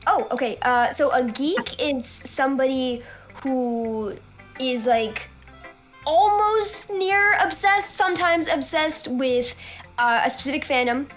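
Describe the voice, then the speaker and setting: A woman hosts a casual livestream, asking her guests questions in an informal, chatty question-and-answer format. Her high-pitched voice is animated and a bit bright, her pace slow, with soft background music.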